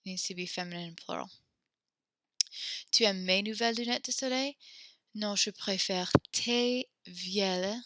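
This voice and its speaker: Her mid-range voice comes across pushed and bright as this young woman leads an online French lesson. The recording is close-miked through a headset or desk mic, with no room sound, and she is slightly breathless. Patient and encouraging, she explains each step in turn.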